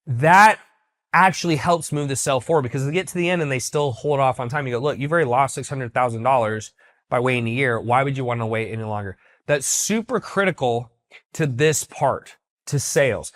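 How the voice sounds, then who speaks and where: A man's voice: fairly high pitch, a bit bright. A man teaching sales and business methods in a casual video, talking directly and persuasively and checking in with the listener. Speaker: business coach.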